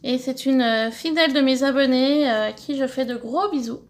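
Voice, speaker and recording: A middle-aged woman from France with a high-pitched voice chats casually as she opens mail from viewers. She thanks each sender and often stumbles and restarts her sentences. She sounds like a hobby vlogger talking to her subscribers. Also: normal speed. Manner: chatty, thankful, stumbles over words. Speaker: scrapbooking channel host. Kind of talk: casual mail-opening vlog.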